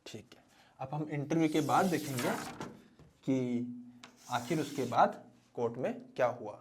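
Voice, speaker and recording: A man's voice: medium pitch, unhurried, background noise. A man teaching physics as a dramatic story, talking straight to his students. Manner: animated, dramatic storyteller who addresses students directly.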